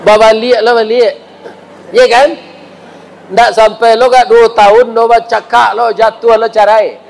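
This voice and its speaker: Slow, high-voiced Minangkabau preacher. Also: male voice, gravelly, poor audio. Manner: joking, storytelling, lively asides to the audience. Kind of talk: humorous sermon.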